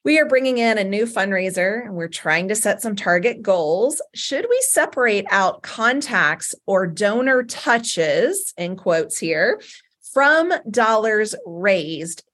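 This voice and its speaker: A woman's voice: mid-range voice, animated, measured pace, a bit bright. A woman with a Southern US accent cohosting a nonprofit talk show, chatting casually and leaning on "you know" fillers. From American South. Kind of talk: casual advice chat.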